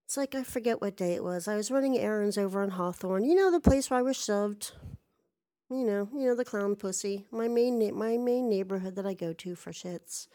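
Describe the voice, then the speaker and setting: A woman's voice: medium pitch, fairly quick, warm tone. A woman casually telling a personal story, rambling and exasperated, swearing freely.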